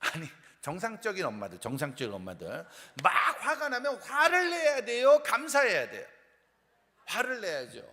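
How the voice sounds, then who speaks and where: A male pastor preaching a humorous revival sermon in a church sanctuary. His voice is high and bright, and his pitch swings widely as he jokes with the congregation. A long hall reverb trails behind every line. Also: moderate pace. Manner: playful, animated, acts out quoted complaints and sings snippets.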